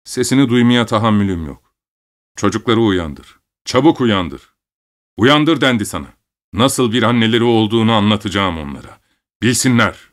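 A man's voice: lowish voice, animated, normal speed, natural voice. Angry, accusing soldier father home from war, read by a male narrator. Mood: shouting.

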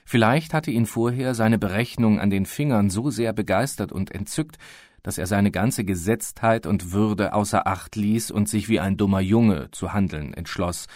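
Man with a low, calm narrating voice. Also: moderate pace, no echo, clean studio sound. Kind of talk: scripted literary narration.

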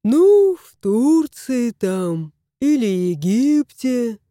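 A woman voicing a lazy, smug, spoiled male house cat in a storybook, drawling slowly. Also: on the high side, big pitch swings, mellow, no echo, clean studio sound, exaggerated voice.

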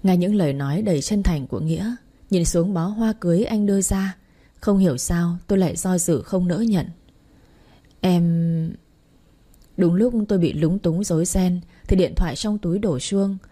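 Husky, mellow-voiced woman narrating a romance. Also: fairly low pitch, fairly quick. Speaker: storyteller. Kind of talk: first-person narration of a romance story.

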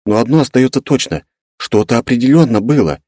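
A man voicing a thoughtful, earnest young woman adventurer in an audiobook, speaking softly and a bit hesitantly. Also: medium pitch, animated, fairly quick, no echo, studio quality, voice pushed up, close to an everyday voice. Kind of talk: audiobook character voice.

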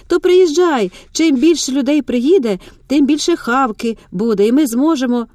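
A woman's voice: sits high, moderate pace, no echo, clean studio sound, pitched above the performer's own voice, close to an everyday voice. A woman voicing a chatty, cheerful female coworker who teases lightly. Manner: lively, teasing.

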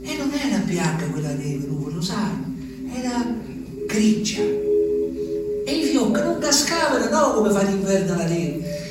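Loud music sits behind a high, very animated male voice at a measured pace with long pauses, as an actor portrays an ageing, lonely peasant. His repetitive, rambling monologue, full of agitated wonder, lurches between whispers and exclamations, recorded distantly on an echoey stage with faint noise.

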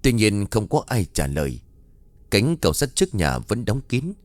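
A man doing scripted narration of a ghost story in an expressive storytelling manner. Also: fairly low pitch, moderate pace, no echo.

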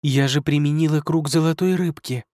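Fox spirit woman done by a guy reading aloud, raised pitch, nervous and begging, audiobook. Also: normal speed, darkish tone, no room sound, clean studio sound, lightly acted. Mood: panicked. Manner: anxious, pleading.

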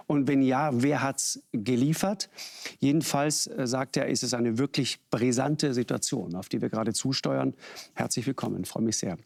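A man with a gravelly edge to his voice hosts a political talk show from a television studio. He speaks in a measured, questioning way, pausing with the odd filler sound as he introduces guests. His pitch sits in a middle range for a man.

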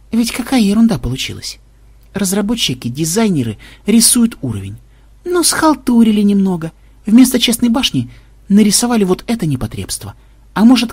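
A narrator voicing an excitable, paranoid young male programmer who speaks in a high, jumpy, husky voice. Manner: shrill, jumpy, laughing fits.

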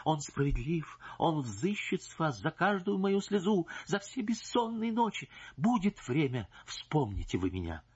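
A man voicing a distraught, indignant married noblewoman who pleads and accuses in a shrill, strained voice. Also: very animated, a little slow, few pauses, breathy edge, dull audio, full character voice.

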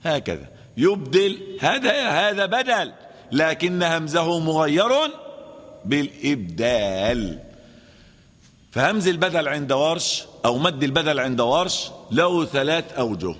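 A man with an Egyptian Arabic accent teaches Quran recitation as a sheikh. He quizzes his listeners, answers himself and repeats the terms in a slightly high voice. The recording carries a long, hall-like reverb. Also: animated, measured pace, fairly bright tone. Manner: asks and answers his own questions, repeats key terms. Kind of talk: classroom lesson with chanted recitation examples.

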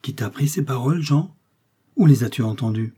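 A man's voice: medium pitch, animated, fairly quick, dark tone, husky. A man voicing an ailing, tremulous mother. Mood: astonished. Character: ailing mother, tender and overwhelmed.

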